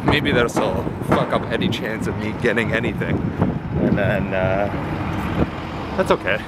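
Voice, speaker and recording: A man's voice: on the low side, fairly even intonation, unhurried. A young man chatting casually into a handheld camera, upbeat and joking as he rambles. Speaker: fitness vlogger. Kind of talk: casual vlog chat. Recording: noisy handheld vlog recording.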